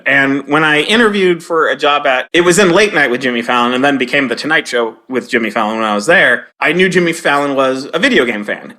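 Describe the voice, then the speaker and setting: Bright, animated man telling stories. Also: mid-range voice. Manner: animated, acts out quoted lines in a raised voice. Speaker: guest, game localizer and comedy writer. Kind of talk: conversational interview storytelling.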